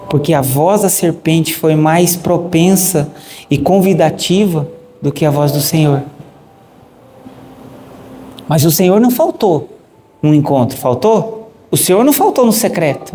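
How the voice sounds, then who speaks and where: A man's voice: fairly high pitch, warm tone. A man with a Brazilian accent, a pastor preaching a sermon emphatically and asking the congregation questions. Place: church hall. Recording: echoey church hall with long reverb and faint noise.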